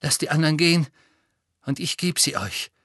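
A man's voice: a little high, animated, unhurried, a bit bright, no room sound, clean studio sound, pitched above the performer's own voice. A man voicing a desperate teenage boy hero who pleads urgently in an audiobook. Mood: pleading. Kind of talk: audiobook character voice.

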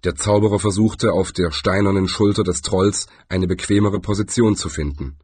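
A man narrates an audiobook in a low, husky voice at an unhurried pace. His reading is calm and measured, recorded close and dry. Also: dry recording.

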